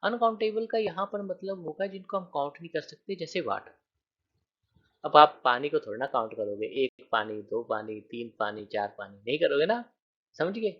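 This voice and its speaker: A man gives a grammar lesson in a husky voice. His pitch moves a lot as he counts through examples and checks that the class follows. The recording sounds dull and lo-fi. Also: animated, normal speed. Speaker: teacher. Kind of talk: grammar lecture.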